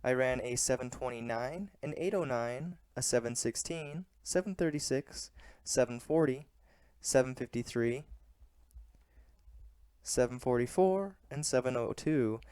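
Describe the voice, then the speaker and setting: A man with a smooth, clean voice narrates his vlog in a plain and measured way. The sound is dry and close, with little room to it. He reports earnestly, like someone giving a personal recap of his training. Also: medium pitch, a little mellow, no room sound. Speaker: running vlogger.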